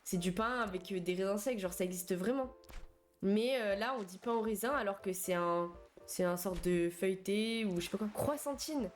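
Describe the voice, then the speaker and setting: A woman's voice: medium pitch, normal speed. A young woman streamer chatting casually and slangily with her viewers while she plays, answering their messages as they come in. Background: faint game music.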